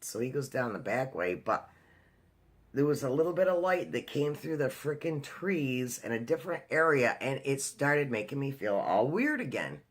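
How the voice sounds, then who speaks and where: A man's voice: medium pitch, sing-song, normal speed. A man talking in a casual video diary, telling a personal story in a chatty way with lots of fillers and restarts. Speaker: vlogger.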